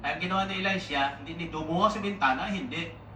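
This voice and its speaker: A man preaching an animated sermon, telling stories and calling for answers from the congregation. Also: fairly high pitch, quick pace, noisy background. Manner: animated storytelling, calls for audience response. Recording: echoey hall, distant mic, faint ambience.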